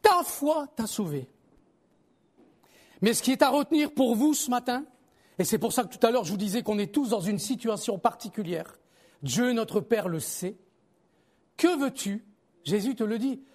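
A man preaching a sermon in a conversational, animated way, moving between loud calls to the listeners and quiet, low asides. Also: fairly quick.

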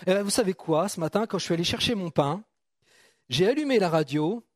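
A man's voice: high-pitched, animated, fairly quick, no echo, clean studio sound. A man preaching a sermon in a casual, joking way, with frequent restarts and questions to the congregation. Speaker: pastor.

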